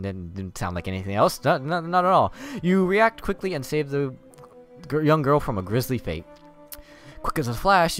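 Sarcastic man reading game text aloud. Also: medium pitch. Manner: sarcastic, swears and laughs at the story. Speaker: let's play host.

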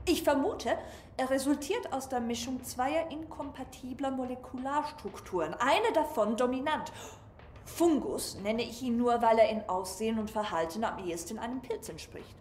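A brusque female scientist in a video game. She is pedantic and matter-of-fact, her fairly high voice moving in lively swings. Faint noise sits behind her. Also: normal speed. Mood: clinical, explanatory. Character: brusque, clinical female scientist in a hazmat suit. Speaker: scientist character. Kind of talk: dubbed video game dialogue.

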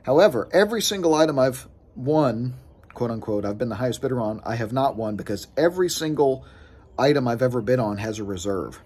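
A sports card collecting vlogger in his thirties rants casually and with frustration to his phone camera, recorded close up outdoors on his porch, gesturing with his hands. His mid-range voice is expressive, fairly quick and a little mellow, with a breathy edge.

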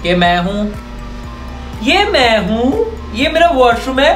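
A man in his twenties with a very high-pitched voice and big pitch swings talks slowly over music. This vlogger gives a casual, jokey tour of his small apartment, holding his phone at arm's length and mixing English into his Hindi.

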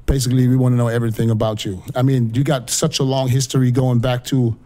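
A man's voice: medium pitch, level tone, fast, mellow. A middle-aged man hosting a podcast in a studio, asking eager, repetitive questions in casual chat on a studio mic. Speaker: podcast host. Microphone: studio mic with headphones.

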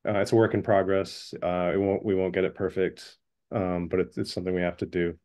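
A man reporting back from a breakout group in an online meeting, relaxed and full of fillers. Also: low voice, fairly quick. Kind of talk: meeting report-out on a video call. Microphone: video call.

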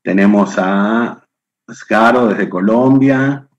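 This webinar host is a middle-aged Argentine man on a webcam at home, running a live online session and warmly greeting each viewer by name. His fairly low voice, with an Argentine Spanish accent, moves slowly, and the sound is lo-fi.

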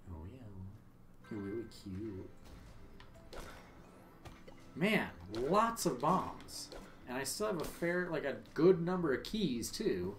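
Man, mid-pitched voice, game streamer, casual profane banter, talks to viewers. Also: sing-song, takes it slowly, pauses often, over music. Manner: profane, joking, chats with viewers. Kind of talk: live gameplay commentary.

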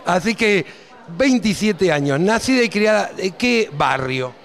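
A man's voice: sits high, lively intonation, a little slow, gravelly. A middle-aged man with an Argentine accent hosting a local TV interview, prompting guests with friendly questions into a handheld mic. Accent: Argentine Spanish.

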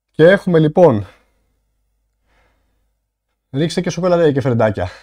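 Man, livestreamer, casual chat with viewers, out of breath, excitable, slightly high-pitched. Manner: thanks donors with loud bursts of excitement.

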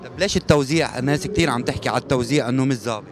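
Quick-asking male interviewer. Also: mid-range voice, a crowd in the background. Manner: brisk, probing questions. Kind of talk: casual interview questions.

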